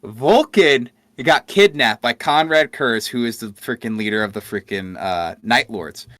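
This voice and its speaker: Male podcast co-host, profane and eager lore storyteller, bright tone, dry sound. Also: mid-range voice, expressive, a little slow, no room sound. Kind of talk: casual lore chat.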